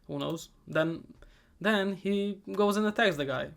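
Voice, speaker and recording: A man giving a comedic movie recap, sarcastic and profane, rambling and often trailing off into quieter asides. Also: high-pitched, a little slow, vocal fry. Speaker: movie reviewer.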